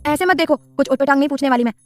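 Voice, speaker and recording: A woman's voice: sits high, racing, a little mellow, no room sound, soft background music, lightly acted. A woman voicing a playful, lovestruck young woman in a romance story, speaking sweetly and teasingly.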